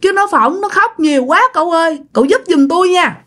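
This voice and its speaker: A woman's voice: extremely high pitch, lively intonation, a little fast, fairly bright tone, pitched above the performer's own voice. Woman voicing a weeping ghost mother. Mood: sobbing plea. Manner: sobbing, pleading. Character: weeping ghostly young mother begging for help.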